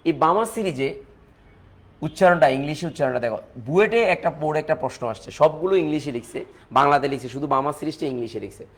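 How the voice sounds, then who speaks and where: A man's voice: on the high side, a bit bright. A man with a Bangladeshi accent teaching a chemistry lecture, repeating key points and mixing in English phrases. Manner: fast, repetitive teaching talk with English mixed in.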